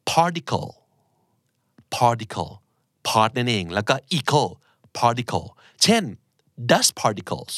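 Patient man teaching vocabulary slowly. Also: medium pitch, sing-song, fairly bright tone, no room sound, studio quality. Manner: patient, explains words slowly and repeats them. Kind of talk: casual vocabulary lesson.

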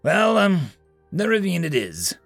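A man's voice: high voice, wildly swooping pitch, unhurried, vocal fry, a bit bright, no room sound, soft background music, voice pushed up, full character voice. A man voicing a cheerful, teasing young male explorer in an upbeat way. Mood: playful.

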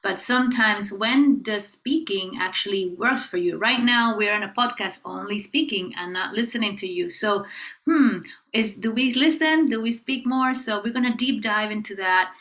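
A woman co-hosting a podcast in casual chat, enthusiastic and upbeat, listing topics in quick runs. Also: mid-range voice, fairly bright tone, rough recording. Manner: enthusiastic, upbeat, talks in rapid lists. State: clearing her throat, voice catching. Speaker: podcast co-host.

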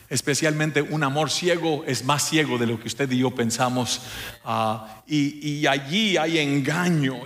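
A man's voice: medium pitch, fairly bright tone. A man preaching a sermon as pastor, emphatic and talking straight to the congregation, with an English word slipped in now and then. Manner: drops English words into Spanish.

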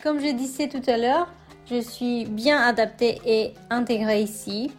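Mexican woman, young adult, unhurried and halting, Spanish accent, interview guest. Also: on the high side, faint music behind. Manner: hesitant, many fillers and restarts. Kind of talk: interview testimony.

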